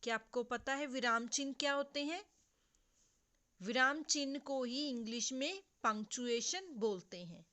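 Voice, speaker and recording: A woman teacher explaining grammar to students, slow and repetitive, often checking whether they understood. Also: sits high, lively intonation, bright, forceful tone. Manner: slow, repetitive, asks pupils "clear?". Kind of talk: classroom grammar lesson.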